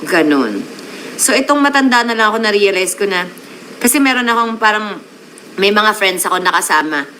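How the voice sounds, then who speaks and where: Bright-voiced woman chatting on a live stream. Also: medium pitch, expressive, moderate pace, pauses often, a little hiss or hum, rough recording. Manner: chatty, mixes English into Tagalog. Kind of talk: casual live-stream chat with viewers.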